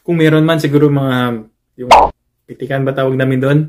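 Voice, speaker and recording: A man's voice: medium pitch, steady tone, brisk, darkish tone. A man in his thirties from the Philippines, a nurse, talking casually to viewers in a vlog, switching between Tagalog and English and calling out to his audience as "guys" again and again. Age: 30s.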